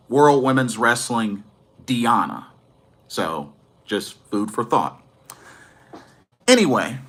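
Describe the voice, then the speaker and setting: Lively, bright-voiced man reviewing wrestling. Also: medium pitch. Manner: enthusiastic, rambling with self-corrections. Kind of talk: casual video review.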